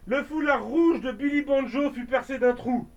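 Father reading a storybook to his kid at home; high voice, playful, heard from a distance. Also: normal speed, a little mellow, highs cut off. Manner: playful, adds sound effects and asides.

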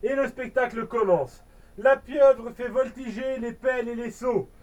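A man's voice: very high-pitched, unhurried, darkish tone, distant mic. A man reading a children's story aloud, breaking off for jokey asides to his listener.

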